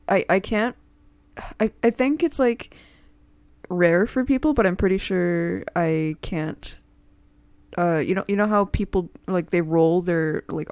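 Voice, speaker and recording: A woman's voice: on the low side, darkish tone, dry recording. A woman hosting a casual stream chat, rambling with many fillers and frequent giggles. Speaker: streamer and host.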